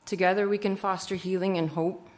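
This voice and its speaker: A woman councillor delivering a prepared formal speech in measured, rhetorical phrases. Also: medium pitch, fairly even intonation. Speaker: city councillor.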